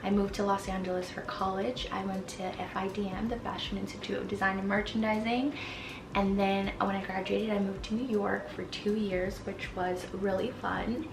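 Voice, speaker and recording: A Mexican-born vlogger in her twenties, whose first language is Spanish, chats candidly to camera from her apartment with lots of fillers. Her medium-pitched voice is flat, gravelly and moderately paced, and the distant mic picks up reverb and background noise.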